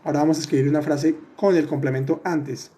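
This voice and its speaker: In a live online French class, a man with a fairly high, mellow voice teaches at a quick pace with fairly even intonation. Patient and repetitive, he keeps asking "¿listo?" to make sure everyone is following, and he calls on students by name to correct their answers.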